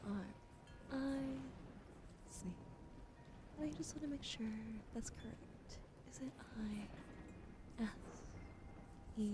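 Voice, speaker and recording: With background noise behind her, a young woman streamer whispers ASMR-style in a medium-pitched, wheezy-throated voice. She thanks her viewers and swears casually.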